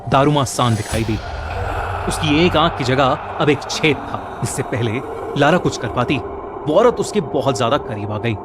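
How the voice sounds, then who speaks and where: A man narrating a scripted horror story in a dramatic storytelling manner. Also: medium pitch. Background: music.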